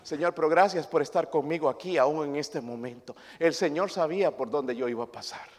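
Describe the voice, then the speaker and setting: A man preaching a passionate sermon, calling his listeners brothers, rising to loud emphasis and dropping to quiet asides. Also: on the high side, fairly quick, in a large hall. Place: church.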